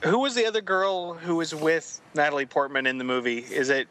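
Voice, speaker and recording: A man's voice: on the high side, a little fast, fairly bright tone. Man calling in on a car speakerphone. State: signal dropping in and out. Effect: phone call on a car speakerphone while driving. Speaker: podcast contributor calling in. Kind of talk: casual chat. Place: in a moving car.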